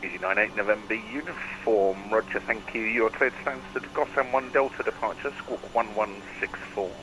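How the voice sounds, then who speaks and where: A man's voice: lowish voice, normal speed, sharp tone, low-quality recording. A man working as an air traffic controller, giving procedural instructions over the radio. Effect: radio transmission. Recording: radio transmission with faint noise.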